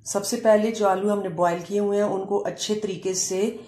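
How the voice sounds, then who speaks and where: A woman hosting a home cooking channel, calmly explaining each step of a recipe with short pauses. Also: mid-range voice. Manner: calm, step-by-step explaining with Urdu-flavoured words and short pauses. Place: home kitchen, echoey room. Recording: echoey room with faint ambient noise.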